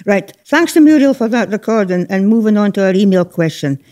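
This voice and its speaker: A woman hosting radio in a broad Scottish accent. Her voice is mellow and rounded. She chats and banters easily, dropping in Scots words as she presents. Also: medium pitch, animated, brisk. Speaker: radio host. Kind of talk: chatty gardening programme presenting.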